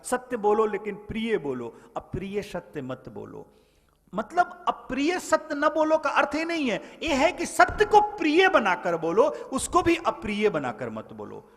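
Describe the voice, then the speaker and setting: A man preaching a sermon as a spiritual teacher, swinging between loud exhortation and soft storytelling and calling listeners his brothers. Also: high-pitched. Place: large event hall. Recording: long hall reverb.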